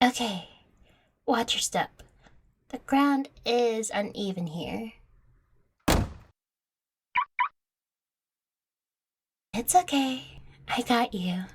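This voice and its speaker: Breathy and close to the listener, a woman voices a coy, teasing, affectionate catgirl girlfriend in a playful audio roleplay. Her voice runs on the high side at a slow pace, with a gentle, guiding mood and a little hiss or hum in the audio.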